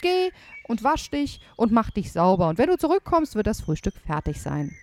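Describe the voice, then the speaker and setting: A woman voicing the giant's big wife, gruff on the surface but kind underneath. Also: fairly high pitch, big pitch swings, moderate pace, darkish tone, voice pushed up. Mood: bossy. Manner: scolding, urgent.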